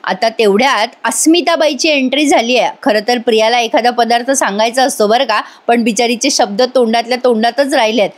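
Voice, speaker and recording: A chatty woman reviewer narrates a TV serial episode in a voice-over and keeps turning to address her viewers directly. Her voice sits high in pitch. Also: fairly quick, hardly any pauses.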